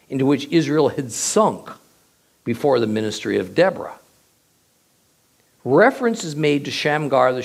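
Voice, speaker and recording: A man giving a verse-by-verse Bible teaching, reading the passage aloud and then explaining it with emphatic, drawn-out phrasing. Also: mid-range voice, gravelly, slightly rough. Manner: expressive, emphatic delivery with drawn-out pauses.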